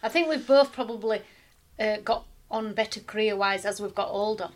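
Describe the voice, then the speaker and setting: A woman's voice: medium pitch, moderate pace. A woman, the guest's partner, joining the chat and checking facts with tag questions. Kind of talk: casual chat.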